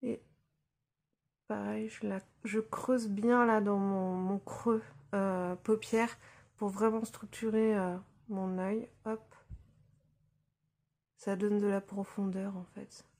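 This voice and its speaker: A young woman casually talking through a makeup tutorial, relaxed and hesitant with lots of fillers, recorded on a phone at home. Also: mid-range voice, slow, long pauses. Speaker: beauty vlogger. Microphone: phone camera.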